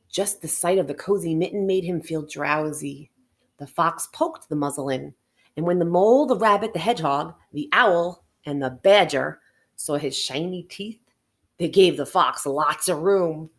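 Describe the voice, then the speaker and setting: Reading a picture book aloud to kids, a woman with a low-sitting voice takes her time, drawing out words for emphasis. She's expressive throughout, tossing in friendly asides and questions to the children.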